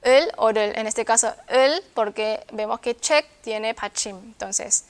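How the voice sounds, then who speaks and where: A woman's voice: on the high side, moderate pace, clean tone. A woman teaching a language class, explaining patiently and checking in with her students. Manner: patient, repeats words and checks understanding with "¿sí?".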